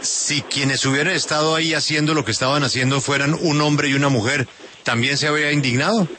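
A man interviewing a guest on the radio, rephrasing a question in a measured way. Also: on the high side, fairly even intonation, sharp tone, a little hiss or hum.

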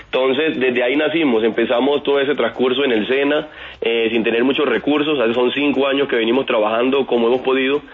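Over a tinny phone connection, a twenty-something inventor from Antioquia earnestly fields a radio interviewer's questions with plenty of fillers. His accent blends Antioquian speech with Colombian coastal notes. His mid-range voice is steady and a little fast.

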